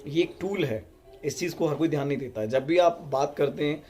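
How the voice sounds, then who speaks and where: Calm, unhurried man giving advice. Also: a little high, a little hiss or hum. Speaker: YouTube self-help creator. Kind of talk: casual advice talk to camera.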